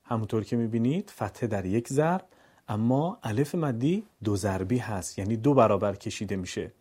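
A man teaching Quran reading to Persian speakers, drilling letters and long vowels slowly and deliberately. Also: on the low side, lively intonation, warm tone, husky. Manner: slow, deliberate drawn-out vowel demonstrations; opens with formal poetic greeting. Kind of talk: recorded lesson, letter drills.

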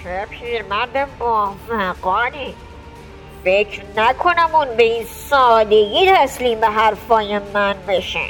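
A woman's voice: a little high, lively intonation, soft background music. A woman voicing a proud, fierce male king who commands an army, in a storybook reading. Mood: musing. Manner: commanding, shouting orders. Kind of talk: storybook voice acting.

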